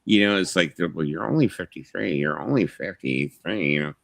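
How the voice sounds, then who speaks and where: Gravelly deep-voiced man in his fifties. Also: fairly quick, a bit bright, no echo. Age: 50s. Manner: rambling, swears freely, frequent you-knows and laughs. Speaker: livestream host. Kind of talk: casual live-stream chat.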